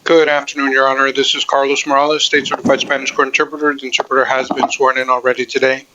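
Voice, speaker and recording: A man working as a court interpreter, giving a live translation voice into the courtroom in a formal, even relay of each statement. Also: medium pitch, quick pace, lo-fi sound, slight background noise.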